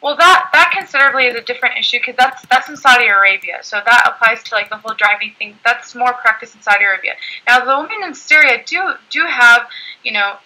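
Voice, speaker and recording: A woman speaking earnestly in an online panel discussion, often pausing on "you know". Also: fairly high pitch, pushed and bright, low-quality recording. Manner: earnest, heavy use of "you know" fillers.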